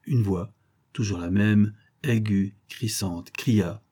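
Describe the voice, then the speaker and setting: A man narrates a literary text in measured phrases. His voice is low, dark and mellow, with a husky edge. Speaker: audiobook narrator.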